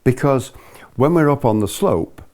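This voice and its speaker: A man's voice: mid-range voice, expressive, moderate pace, darkish tone. An older man giving a hands-on lesson to a small group as a ski instructor, explaining patiently and methodically and repeating key points. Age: older, about 70s. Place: living room, indoors.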